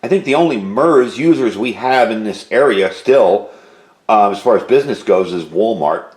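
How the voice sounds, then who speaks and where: Recorded indoors at home with a roomy echo, a man casually reviews a product, explaining details along the way. His voice is low-leaning and expressive, with a darkish tone and moderate pace.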